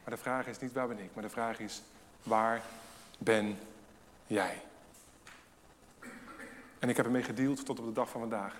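A man preaching a sermon with emphasis, asking rhetorical questions and swinging between loud and hushed delivery. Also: mid-range voice, fairly even intonation, very fast, few pauses, a little hiss or hum. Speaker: pastor. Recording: long hall reverb.

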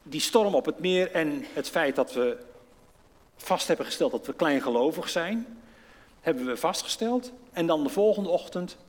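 A man's voice: on the high side, lively intonation, moderate pace. A man preaching a conversational sermon. He asks his listeners questions and acts out the quotes in his story. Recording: long reverb of a large hall.

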